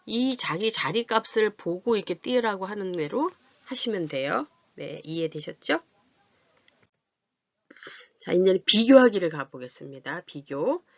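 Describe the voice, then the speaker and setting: A woman's voice: lowish voice, dry recording. A woman teacher patiently explaining how to read and write large numbers, often asking whether her learners follow. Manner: patient, checks understanding with questions; drawn-out counting while writing. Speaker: adult literacy teacher. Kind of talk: classroom math lesson. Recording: dull, dry lo-fi recording.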